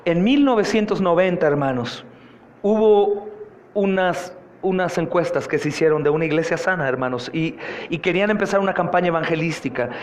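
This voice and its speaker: Man, pastor, sermon, high voice, repeated rhetorical questions. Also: a little fast, a little hiss or hum. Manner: addresses congregation as brothers. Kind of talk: expository sermon.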